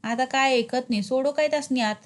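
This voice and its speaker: A woman's voice: sits high, fairly quick, lightly acted. A woman voicing a cheeky male village doorkeeper who jokes in a rustic dialect. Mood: teasing.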